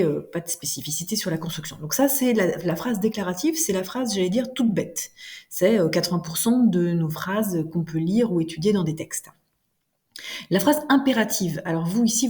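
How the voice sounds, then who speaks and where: Woman teacher, patient explanatory lesson, slightly low voice, hesitant fillers. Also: darkish tone. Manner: explanatory, slow and deliberate, with many hesitations. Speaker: French teacher. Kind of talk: recorded classroom lesson.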